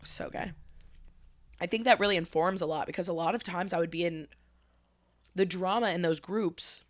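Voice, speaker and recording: A woman's voice: on the low side, fairly quick, slight background noise. A young woman comedian hosting a podcast, chatting casually with candid, crude humor. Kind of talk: casual chat.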